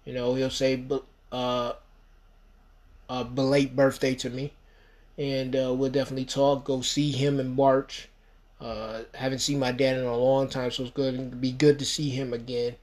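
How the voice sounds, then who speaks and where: A man in his thirties from the United States talks alone on his podcast, rambling and emphatic and full of "you know" fillers. His voice is mid-range and darkish, with little pitch movement and a moderate pace.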